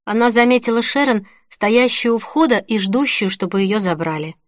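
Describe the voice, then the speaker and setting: An audiobook narrator reads a novel from a script, her delivery calm and measured like a storyteller. Her pitch is fairly high, and the studio-quality recording has no room sound.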